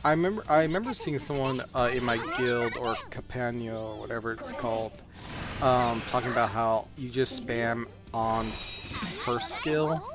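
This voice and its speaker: A man giving casual, rambling, self-deprecating gameplay commentary as he plays, in the manner of a gaming video creator. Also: mid-range voice. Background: game music, mouse clicks.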